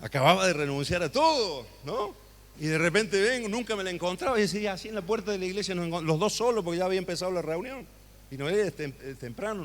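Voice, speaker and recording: A man in his forties, an Argentine pastor, preaching a sermon as a personal story with frequent asides to the congregation. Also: on the high side. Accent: Argentine Spanish. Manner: conversational, tells a story with many asides to the congregation. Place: church hall.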